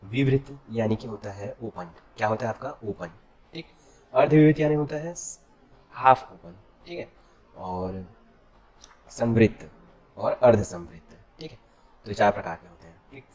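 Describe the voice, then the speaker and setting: A man's voice: lowish voice, lively intonation, normal speed, long pauses, darkish tone. A male teacher giving an exam-prep lesson. He asks questions and answers them himself, checking in with the class after nearly every point. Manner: drills with self-answered questions and constant "okay?" checks.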